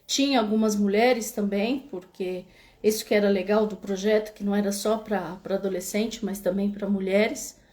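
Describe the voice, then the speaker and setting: A woman's voice: mid-range voice, fairly even intonation, moderate pace, darkish tone. A young woman from São Paulo with a Brazilian accent, hosting a casual livestream and telling her story with many restarts and filler tags. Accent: São Paulo Brazilian Portuguese. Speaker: live-stream host. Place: home in Spain. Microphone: webcam or phone camera.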